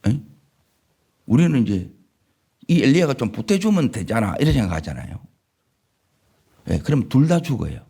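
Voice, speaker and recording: A male pastor with a Gyeongsang Korean accent preaching a sermon in a church, asking the congregation questions and swinging between loud emphatic lines and low murmured asides. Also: very animated, moderate pace, creaky, long pauses, slightly rough. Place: church sanctuary.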